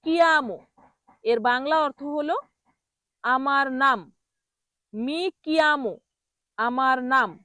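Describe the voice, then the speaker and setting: A woman teaching pronunciation, repeating each word slowly and quizzing the listener. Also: high-pitched, a bit bright, no echo. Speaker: language teacher. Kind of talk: pronunciation lesson.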